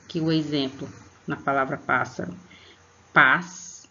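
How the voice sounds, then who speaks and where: Brazilian online teacher, patient, gravelly voice, slow clear examples, lo-fi recording. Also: medium pitch, fairly even intonation, pushed and bright. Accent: Brazilian Portuguese. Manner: patient, checks in with "tá?" after each point; spells out example words slowly. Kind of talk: online spelling lesson. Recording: dull lo-fi recording.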